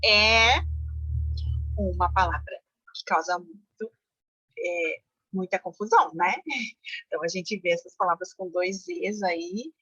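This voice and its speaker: A woman's voice: lowish voice, measured pace, long pauses, pushed and bright, husky, no echo, muffled recording. A woman teaching a Portuguese grammar lesson online, explaining step by step with frequent checks on her listeners. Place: home, car noise outside.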